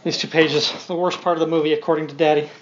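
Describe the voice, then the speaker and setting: A low-pitched woman talks fast with little pitch movement while reading a storybook aloud to a young child. Like a parent, she adds spontaneous asides and simple questions, and the home recording is dull with a faint noise.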